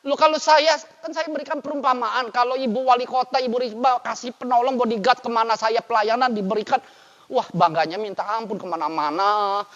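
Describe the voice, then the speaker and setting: An older man, a pastor, preaching a sermon in a lively way with big swings in loudness. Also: very high voice, a little fast. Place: church. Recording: dull, lo-fi church recording with long reverb.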